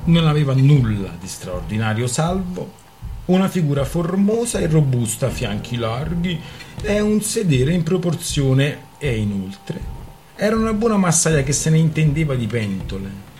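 A man reading a novel aloud on the radio with expressive, theatrical storytelling. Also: fairly high pitch, unhurried, slight background noise. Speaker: radio reader.

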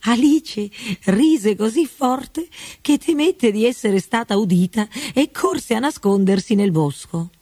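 A woman reading a fairy tale aloud with slow, expressive storybook narration. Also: on the high side, breathy edge, dry recording.

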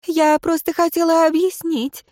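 A woman voicing a desperate young noblewoman in love, high and tearful. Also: level tone, normal speed, warm tone, dry recording, clean studio sound.

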